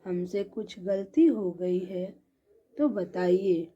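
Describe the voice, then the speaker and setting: A woman voicing a gentle, worried young daughter-in-law who pleads politely in a storybook tale. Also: fairly low pitch, slow. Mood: pleading. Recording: dull lo-fi recording.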